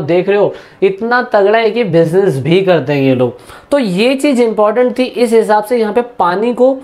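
Woman, history teacher, casual online lesson, chatty, repeats points, talks to students directly, medium pitch. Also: darkish tone. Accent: Hindi-English mix.

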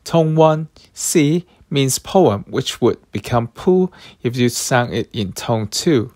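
A man with a Cantonese accent leading an online music workshop, explaining slowly and singing short melodies as examples. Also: medium pitch, animated, darkish tone. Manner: slow, careful explaining, sings short melodies. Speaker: workshop leader.

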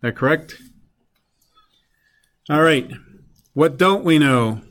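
Slow-talking male chemistry teacher. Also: a little high, animated, fairly bright tone. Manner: questions the class, works problems step by step. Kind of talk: classroom lecture. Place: classroom.

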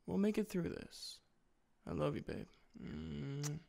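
A man playing a sleepy, tender boyfriend in an intimate role-play audio, drowsily and gently reassuring his partner at night. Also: high voice, normal speed, vocal fry, exaggerated voice. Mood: soothing, loving.

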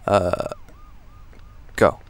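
A man plays through a video game and talks over it at a slow pace. He swears freely, jokes and mocks the enemies, and swings from quiet muttering to sudden loud outbursts. Faint game sounds sit behind his voice. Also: slight background noise. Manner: profane, joking, talks back to enemies. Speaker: gamer doing a walkthrough. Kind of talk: casual gameplay commentary.

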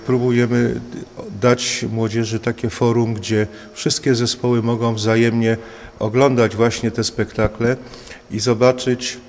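Middle-aged man, organizer, lowish voice, explanatory, long hall reverb. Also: a little mellow. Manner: measured, explanatory, with hesitation fillers. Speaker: festival organizer. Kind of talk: interview statement. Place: indoor hall, in front of a poster wall. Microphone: handheld mic held by a reporter.

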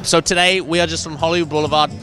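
A man's voice: fairly high pitch, steady tone, racing, over music, crowd noise. Cheeky young man interviewing on the street. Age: young adult.

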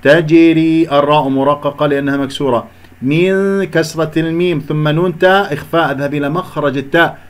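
A man teaching Quran recitation. He explains each letter and sound, recites slowly to demonstrate and corrects common mistakes. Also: a little high. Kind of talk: recitation lesson with slow demonstrations.

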